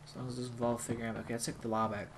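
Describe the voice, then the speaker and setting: Speaking very fast in a level, mid-range voice, a man plays a game and narrates live, rambling and reasoning aloud like a typical gaming YouTuber. Game audio fills the background, making the clip clearly noisy.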